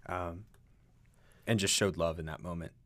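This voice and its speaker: Low-voiced man sharing measured thoughts. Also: steady tone, a bit bright. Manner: measured, quotes scripture, trails off in short phrases. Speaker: podcast guest. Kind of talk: casual faith discussion.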